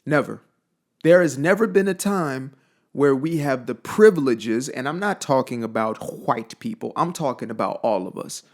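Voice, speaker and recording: A man's voice: mid-range voice, lively intonation, moderate pace, a little mellow. A young man from Zimbabwe giving an emphatic, blunt motivational monologue, repeating phrases for weight. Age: young adult. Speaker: motivational speaker.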